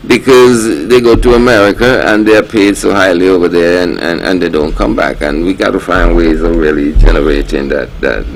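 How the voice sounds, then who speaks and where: A man's voice: sits low, vocal fry, slight background noise, rough recording. A man with a Kittitian-Nevisian accent speaks earnestly and emphatically in a panel discussion, repeating words for stress. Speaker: talk programme panellist.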